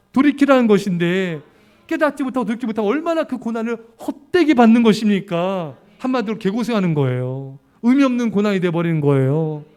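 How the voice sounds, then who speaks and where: A man with a notably high voice delivers a sermon at a church service. He preaches emphatically and keeps turning to the congregation with direct questions. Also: darkish tone. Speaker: pastor.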